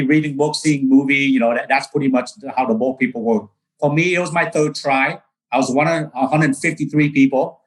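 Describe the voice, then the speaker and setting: A man's voice: a little high, poor audio. A man from Vietnam, a real estate broker telling his story in a casual interview, earnest, with many fillers and restarts.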